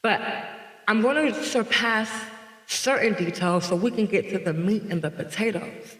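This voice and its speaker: A woman from North Carolina hosting a podcast, telling her own story in a reflective monologue with slow, emphatic repetition. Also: medium pitch, a bit bright. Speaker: podcast host. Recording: echoey reverberant room.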